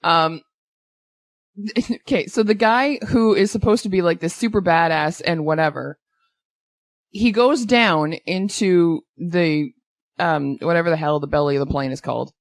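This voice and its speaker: A woman with a lowish voice talks on a movie podcast in a blunt, exasperated, sarcastic way. She swears freely. The sound is dry and close to the mic. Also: unhurried, dry recording. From Canada. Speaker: podcast co-host. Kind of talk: casual movie podcast chat.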